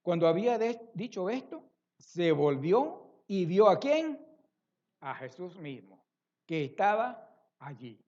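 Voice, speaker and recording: A high-pitched man delivers a sermon in a church, preaching with expressive emphasis and frequent rhetorical questions to the congregation. The recording sounds dull and slightly muffled. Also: takes it slowly. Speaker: pastor.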